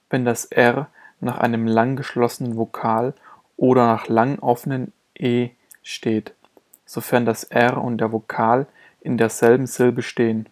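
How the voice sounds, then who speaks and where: Slow, flat-toned male pronunciation reader. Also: mid-range voice. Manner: slow, even, carefully articulated reading. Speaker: pronunciation teacher. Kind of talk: scripted pronunciation lesson.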